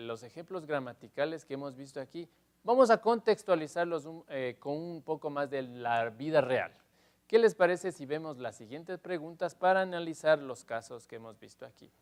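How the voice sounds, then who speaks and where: A fairly high-voiced man with a clean tone gives a TV lesson on English grammar, speaking Spanish. He works through it methodically, loudly emphasizing each English example.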